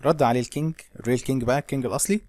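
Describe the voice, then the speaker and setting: Male teacher with an Egyptian accent; slow English reading, quick Arabic glosses, dry and close. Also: medium pitch, darkish tone, no echo. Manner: reads English slowly, then explains quickly in Arabic. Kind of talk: reading an English novel aloud and explaining it in Arabic.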